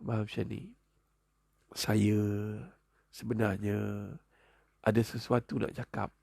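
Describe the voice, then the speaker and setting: A man voicing a tired young wife who quietly and haltingly pleads with her husband during a sermon. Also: fairly low pitch, completely flat delivery, gravelly, slightly rough, no echo, studio quality, pitched below the performer's own voice, full character voice. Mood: weary pleading. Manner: hushed, halting and timid.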